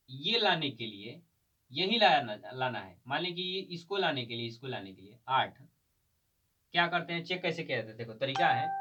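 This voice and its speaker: A man's voice: fairly high pitch, bright, forceful tone. A man teaching a math class, quizzing students with repeated questions and spelling out terms letter by letter. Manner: drills terms with call-and-response questions. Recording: distant dull lo-fi recording.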